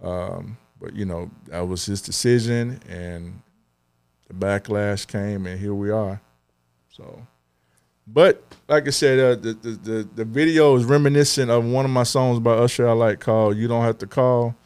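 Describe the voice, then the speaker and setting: A man's voice: on the low side, measured pace, a little mellow, clear, resonant tone. A young adult man co-hosting a podcast, talking earnestly in casual chat, with many fillers and restarts. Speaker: podcast co-host.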